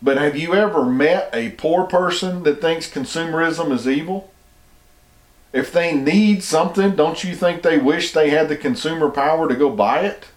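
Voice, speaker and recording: A man's voice: fairly high pitch, moderate pace, roomy sound. A man from the United States giving an argumentative opinion monologue, emphatic and often restarting his words. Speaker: commentator.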